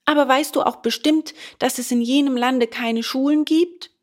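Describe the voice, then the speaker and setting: A woman's voice: sits high, steady tone, moderate pace, natural voice. A woman voicing a naive wooden puppet boy in a storybook reading, pleading and protesting in a raised voice. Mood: eager.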